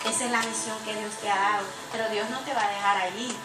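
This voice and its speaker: A woman pastor preaching an impassioned sermon to her church, swinging between loud declarations and hushed, tender passages. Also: medium pitch, fairly even intonation, fast, recorded from a distance. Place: church sanctuary. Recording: echoey church hall, mic from afar, music behind.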